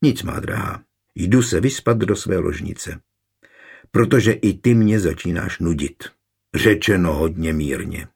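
A man with a gravelly, husky voice voicing a proud young nobleman, curt and cold, in an audiobook. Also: deep voice, darkish tone, full character voice. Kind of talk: audiobook character reading.

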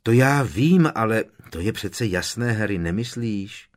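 A man's voice: fairly low pitch, lively intonation, natural voice. A man voicing a young wizard who explains things as if they were obvious. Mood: explaining. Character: young male wizard, matter-of-fact friend.

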